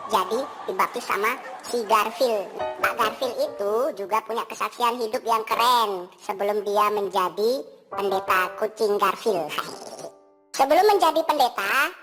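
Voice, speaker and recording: A woman's voice: medium pitch, unhurried, a bit bright, close to an everyday voice. A woman voicing a cheeky, reformed male cat who tells a children's Sunday school story in a playful, sing-song way with sound effects. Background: music.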